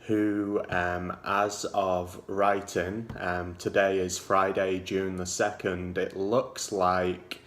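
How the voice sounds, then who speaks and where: A football fan vlogger in his forties from England, with a Liverpool-area accent, gives casual commentary full of ums and restarts. His low voice is level and a bit bright, slow-paced with hardly any pauses.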